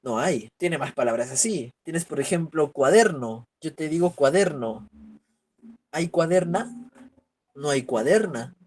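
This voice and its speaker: A man's voice: on the high side, animated, measured pace, darkish tone, slightly rough. A man teaching an online grammar class, working through examples and asking rhetorical questions. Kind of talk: virtual class lecture. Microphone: computer mic on video call.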